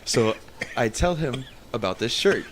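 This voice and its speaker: A man's voice: mid-range voice, unhurried, background noise. A man hosting a podcast, telling a story in casual chat. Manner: animated storyteller, acting out quotes. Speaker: podcast host.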